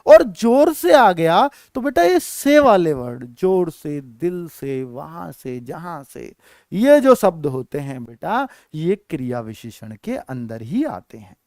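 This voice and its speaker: Lively high-voiced grammar teacher. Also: male voice, slow pace, no echo, studio quality. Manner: addresses students as children, asks checking questions. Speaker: Hindi teacher. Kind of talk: exam-prep grammar lesson.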